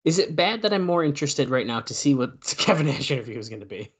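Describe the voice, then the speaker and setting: A man's voice: on the high side, very animated, fast, breathy edge. A man co-hosting a podcast, chatting in a wry, joking way. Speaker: podcast co-host. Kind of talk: casual chat.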